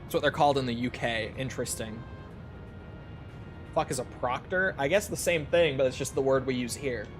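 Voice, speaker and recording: At normal speed and medium pitch, this man talks over background music while livestreaming a game. His chat with viewers is meandering and casual, full of self-deprecation and offhand cursing.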